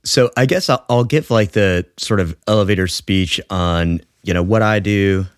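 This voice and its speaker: A man in his fifties from New York, a bassist telling his story in a rambling, casual podcast chat full of fillers. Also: normal speed, smooth, no echo, studio quality. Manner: rambling, many fillers and restarts. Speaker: bassist co-host.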